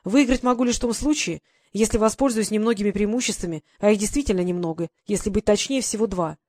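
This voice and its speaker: A woman narrating a first-person adventure novel in an even, measured storytelling manner. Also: medium pitch, dry recording, studio quality. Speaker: audiobook reader.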